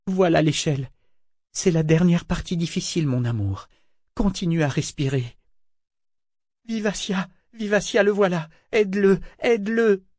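A man's voice: on the high side, normal speed, mellow, no echo, studio quality, pitched above the performer's own voice, lightly acted. A man voicing a desperate young woman who pleads and soothes her dying lover. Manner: pleading, frantic, tearful.

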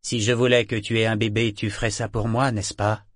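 A man's voice: fairly low pitch, flat delivery, brisk, dry recording, studio quality, close to an everyday voice. A man voicing a smug, self-assured pirate captain who speaks coolly and curtly. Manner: cool, smug and clipped.

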